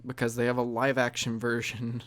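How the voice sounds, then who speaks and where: A man's voice: medium pitch, completely flat delivery, brisk, a bit bright. A man co-hosting a podcast in casual chat, playful and wry, laughing often. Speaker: podcast co-host.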